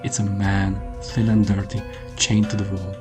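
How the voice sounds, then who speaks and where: Low-pitched man narrating horror over music. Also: completely flat delivery, moderate pace. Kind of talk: scripted first-person horror narration. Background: prominent music under the voice.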